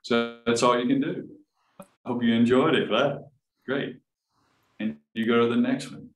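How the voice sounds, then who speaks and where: Unhurried man telling a story in an echoey room. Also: medium pitch, steady tone, distant mic. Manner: unhurried, humble, acts out the people in his story. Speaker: gong chamber owner telling a story. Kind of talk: casual storytelling.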